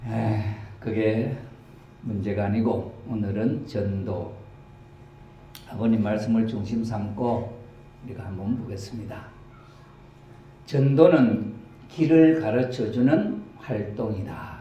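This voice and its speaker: A male pastor lectures his congregation at an unhurried, deliberate pace, pausing often and filling gaps with soft hesitations. His tone is dark and mellow, carried in a roomy church hall with a faint hiss underneath. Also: fairly low pitch, lo-fi sound. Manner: halting, with many fillers and pauses.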